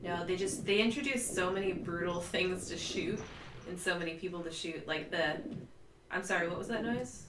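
A woman playing a video game and chatting casually at home, with quick asides and frequent laughs. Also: on the low side, roomy sound, recorded from a distance, noisy background. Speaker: let's play player. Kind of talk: casual gameplay commentary. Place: home room with a cat.

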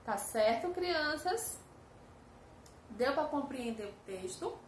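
A woman with a Brazilian Portuguese accent teaching a first-grade lesson, slowly sounding out syllables for young children. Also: high-pitched, animated. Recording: echoey room with faint ambient noise.

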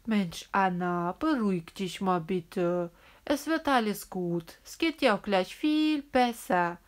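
A woman voicing a calm, brisk female emergency doctor in a children's toy-figure story, soothing and reassuring. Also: fairly high pitch.

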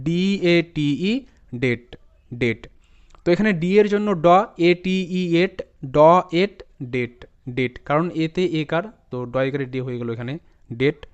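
Man spelling words out slowly. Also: fairly high pitch, clear, resonant tone. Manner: spells words letter by letter, then repeats them slowly. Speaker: English reading teacher. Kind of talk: spoken language lesson. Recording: dull lo-fi sound.

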